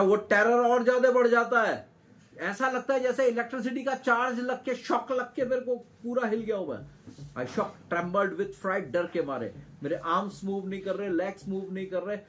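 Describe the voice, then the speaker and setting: A male teacher who reads lines from a lesson slowly and explains them with dramatic swings in pitch and loudness. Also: expressive, low-quality recording.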